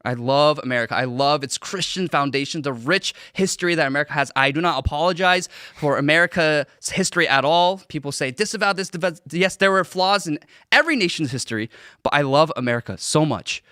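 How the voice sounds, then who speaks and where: A man's voice: a little high, brisk, pushed and bright, clear, resonant tone, no room sound, studio quality. A young man from Korea, a podcast guest, talking earnestly and emphatically on a political panel, often repeating himself for stress.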